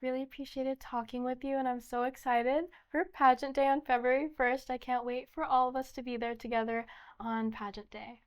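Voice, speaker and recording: A woman's voice: sits high, little pitch movement, a little fast, smooth. A young woman giving earnest interview answers as a pageant candidate. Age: young adult.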